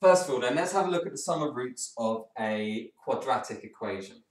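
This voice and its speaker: A man tutors his way through an exam question, relaxed and candid, thinking aloud as he goes. His voice sits at an ordinary middle pitch. It sounds roomy and a little distant from the microphone. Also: fairly quick. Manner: casual, thinks aloud, frank asides. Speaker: maths tutor. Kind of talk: exam walkthrough lesson. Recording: echoey room, voice off-mic.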